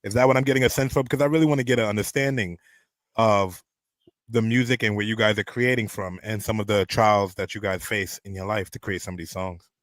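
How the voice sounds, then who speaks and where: A man's voice: fairly low pitch, fairly even intonation, brisk, dry recording. A man hosting a radio interview, talking straight to his online chat and steering the conversation with an upbeat manner. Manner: addresses the chat audience directly. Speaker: radio host.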